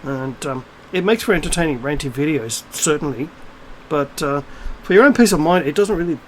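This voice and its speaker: A man's voice: fairly high pitch, lively intonation, fairly quick, slight background noise, poor audio. A middle-aged man in an unscripted, ranting video monologue, blunt and profane, rambling with many fillers and restarts. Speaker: video blogger.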